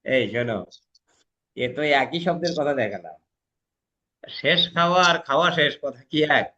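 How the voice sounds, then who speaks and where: A man teaching a classroom lecture, demonstrating pronunciation with loud emphatic stresses and often asking students if they follow. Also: a little high, animated, normal speed, highs cut off.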